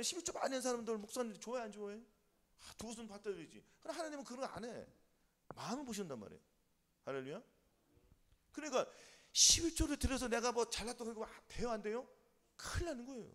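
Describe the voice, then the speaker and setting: Pastor, male, high and lively delivery, prods the flock with questions, church hall echo. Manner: call-and-response questions to the congregation. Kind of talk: sermon. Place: church sanctuary.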